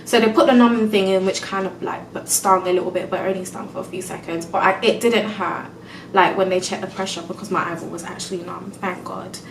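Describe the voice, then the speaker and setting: A woman's voice: lowish voice, fairly even intonation, fairly quick, vocal fry, roomy sound, recorded from a distance, slight background noise, rough recording. A young woman venting in a casual storytime vlog, exasperated and close to tears, full of "like" and "do you know what I mean". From England. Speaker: vlogger.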